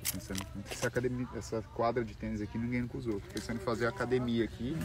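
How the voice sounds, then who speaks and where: A man's voice: medium pitch, fairly even intonation, racing. A young man chatting casually to his phone camera outdoors on a country estate, easygoing and teasing. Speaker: vlogger. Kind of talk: casual vlog chat.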